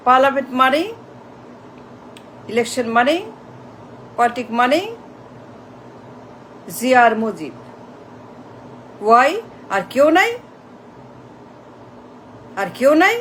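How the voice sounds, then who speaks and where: A woman's voice: high-pitched, expressive, slow, pauses often, fairly bright tone, a little hiss or hum, low-quality recording. A woman delivering an impassioned political rant, repetitive and mocking, mixing in English phrases. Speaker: political commentator.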